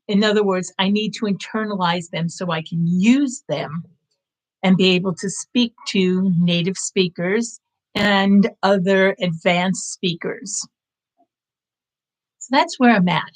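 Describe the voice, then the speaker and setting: On a low-quality recording from her live-stream setup, a woman with a medium-pitched voice hosts her language-learning channel. She's fifty-nine and a first-language English speaker, offering an earnest, thoughtful and encouraging update in a casual way.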